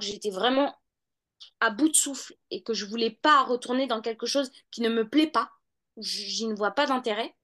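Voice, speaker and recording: A woman in her thirties, a law student, gives casual interview answers in a high, fairly bright voice. She sounds hesitant, with many fillers and restarts.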